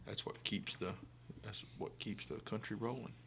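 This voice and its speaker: Male radio co-host, fairly low voice, folksy and plain-spoken, in loose casual chat. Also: fairly even intonation, moderate pace, creaky, pushed and bright, slight background noise. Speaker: radio co-host, real estate agent. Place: radio studio.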